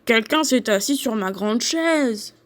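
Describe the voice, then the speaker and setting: A big father bear who booms and scolds in his gruff storybook voice, as a woman reading aloud puts him on. He speaks loudly and with clear displeasure, and the voice sits at a normal height. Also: animated, slow. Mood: grumbling. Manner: booming, scolding.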